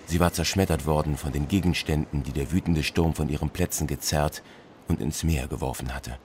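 A man's voice: a bass voice, fairly even intonation, a little fast, a little mellow, slight background noise. A man narrating a sea adventure in the first person with a dramatic storyteller's delivery.

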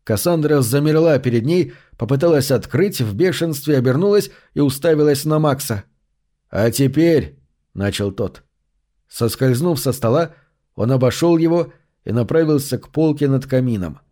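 Brief: male audiobook narrator, first person, warm dark tone, measured delivery. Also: medium pitch, animated.

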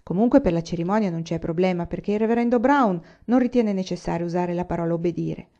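Brief: a woman playing an eager young suitor, pressing and anxious, voice on the low side. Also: fast, warm tone, lo-fi sound, lightly acted. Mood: earnest. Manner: urgent, agitated pleading. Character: earnest young frontier man, a suitor.

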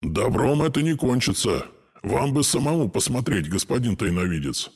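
A man's voice: medium pitch, big pitch swings, moderate pace, darkish tone, husky, voice pushed up. A man voicing an anxious old male ghost in an audiobook, urgent and worried. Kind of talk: audiobook character voice.

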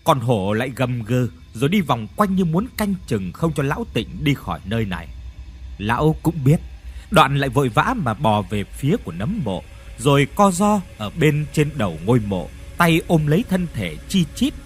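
A man narrating a ghost story in an expressive, dramatic storytelling manner. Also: mid-range voice, moderate pace.

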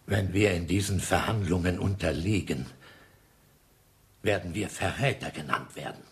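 A grave committee leader weighs every word in a radio drama. His voice sits very low with a husky edge, and his delivery is earnest and formal. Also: normal speed. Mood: guarded. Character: grave, measured middle-aged male committee leader. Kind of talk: 1960s-style radio drama acting.

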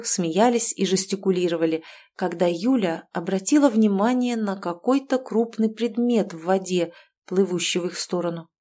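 Reading scripted passages from a novel, this audiobook narrator uses a medium-pitched voice and a calm, even delivery.

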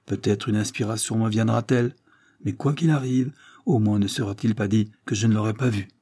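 A man's voice: on the low side, steady tone, fairly quick, warm tone, slightly rough, no room sound, studio quality. A man reading an anguished, desperate young nobleman in an audiobook, his voice climbing in impassioned outbursts. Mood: troubled.

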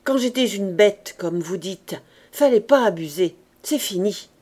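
A woman's voice: medium pitch, lively intonation, a little slow, a little mellow. A woman voicing an insolent young housemaid from the provinces who talks back bluntly and curtly, in an audiobook reading of a novel. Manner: blunt, curt, cheeky answers.

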